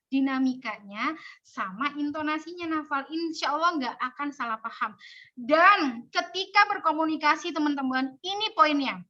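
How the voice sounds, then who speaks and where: A woman giving an animated communication workshop over an online call. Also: sits high, dull audio. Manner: animated, demonstrates speaking styles, mixes in Javanese phrases. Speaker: webinar speaker on communication. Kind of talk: lively workshop talk.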